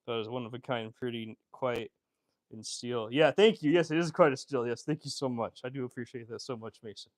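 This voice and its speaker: Speaking fairly quickly at medium pitch, a male fashion designer rambles casually on stream, answering comments with lots of fillers and restarts. The recording is dry.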